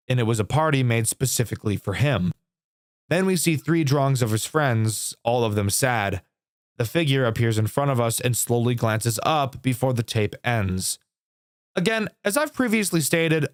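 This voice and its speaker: A man's voice: medium pitch, no echo, clean studio sound. A young man giving casual game review commentary as a YouTuber, candid and swearing freely. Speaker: gaming YouTuber.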